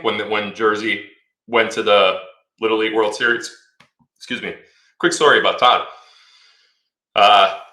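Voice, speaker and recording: A man's voice: fairly low pitch, sharp tone, roomy sound. A man in his thirties hosting a casual livestream Q&A, rambling and chatty, reading viewer comments aloud. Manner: chatty, rambling, repeats words. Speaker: livestream host.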